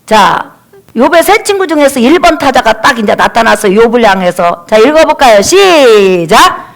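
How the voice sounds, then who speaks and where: Woman pastor, high voice, emphatic sermon storytelling, talks right to the congregation. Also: normal speed, creaky.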